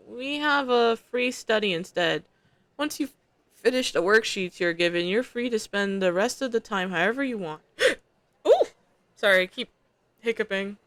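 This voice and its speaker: A woman's voice: medium pitch, fairly bright tone, dry recording. Chatty young woman reading a game aloud. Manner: chatty, slangy asides between narration. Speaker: streamer. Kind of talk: reading a visual novel aloud with casual commentary.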